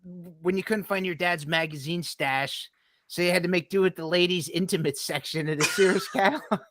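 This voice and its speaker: A man co-hosting a casual podcast, telling animated stories and laughing as he goes. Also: high voice, normal speed, noisy background. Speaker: podcast co-host. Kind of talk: casual chat.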